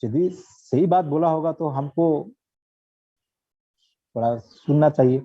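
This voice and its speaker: A man voicing a stern but fair old father who questions his son calmly. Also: on the high side, slow pace, no echo, pitched above the performer's own voice. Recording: dull, dry recording.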